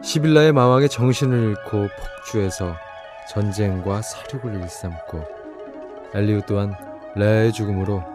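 A man narrating a dark fantasy radio drama as a grave, solemn storyteller. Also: fairly low pitch, moderate pace, over music, close to an everyday voice.

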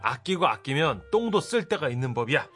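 A man's voice: fairly high pitch, big pitch swings, fairly quick, fairly bright tone, faint music behind. A man playing a stingy, controlling, smug husband in his fifties in a theatrical comic radio reenactment. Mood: smug, firm.

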